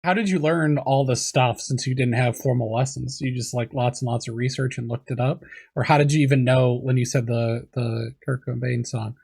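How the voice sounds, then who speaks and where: Husky-voiced male host, teasing. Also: mid-range voice, fairly even intonation, moderate pace, few pauses, darkish tone. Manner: teasing, asks rambling questions. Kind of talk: casual interview chat.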